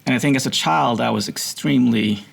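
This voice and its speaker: A Swedish man is a guest in a conversational interview, telling his story in an earnest, reflective way. His accent sounds somewhat American, picked up at international schools. His voice is medium-pitched, brisk and husky, with vocal fry.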